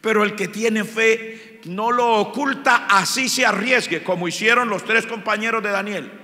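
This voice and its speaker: A Colombian pastor delivers an impassioned sermon, his voice riding high and ringing with a bright, cutting edge. He hammers his points home through repetition. The long reverb of a church hall trails after every phrase. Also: normal speed. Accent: Colombian Spanish. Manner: impassioned preaching, emphatic repetition. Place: church sanctuary.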